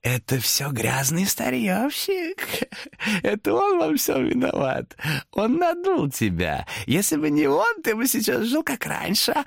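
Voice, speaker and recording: A man voicing a cruel, mocking male demon trapped in a wooden carving, with a hoarse, raspy voice, in an audiobook. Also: very high voice, fairly bright tone, dry recording, studio quality, voice pushed up, heavily acted. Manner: taunting, gloating, shrieking. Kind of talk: audiobook narration.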